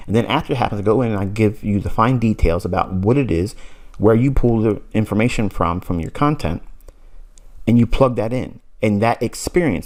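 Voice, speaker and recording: A man's voice: lowish voice, darkish tone. A man in his forties giving a recorded trading mentorship lesson, blunt and insistent, repeating points and laughing briefly. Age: 40s. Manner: blunt, insistent, lecturing with repetition and short laughs.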